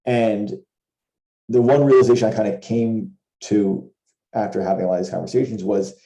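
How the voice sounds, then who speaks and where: On a video call with screen sharing, a man who teaches trading and co-hosts a Q&A gives an informal explanation, working through examples and rephrasing as he goes. His lowish, warm voice is fairly even at a moderate pace, recorded poorly in an echoey room.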